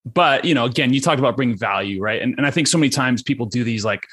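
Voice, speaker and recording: A man's voice: medium pitch, fairly bright tone, husky. A man from Ecuador hosting a podcast, talking eagerly in casual chat with many restarts. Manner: fast, enthusiastic, many restarts and fillers.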